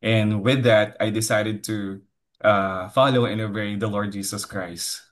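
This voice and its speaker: Filipino man, 30s, deep baritone, earnest devotional testimony, low voice. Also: steady tone, takes it slowly. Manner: earnest, mixes English into his talk, frequent fillers and "po". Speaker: lay preacher giving a testimony.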